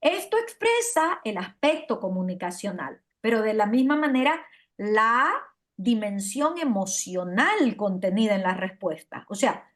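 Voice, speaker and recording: Lively woman teaching, checking in often. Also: a little high. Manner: lively, asks "¿verdad o no?" and "¿sí?" to check understanding. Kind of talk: classroom lecture.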